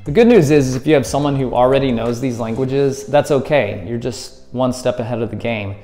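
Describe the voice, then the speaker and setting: Soft background music plays as a man in his thirties, speaking fairly quickly in a dark, mid-range voice, presents a friendly escape room how-to. Seated at a table indoors against a plaster wall, he handles props and explains each step.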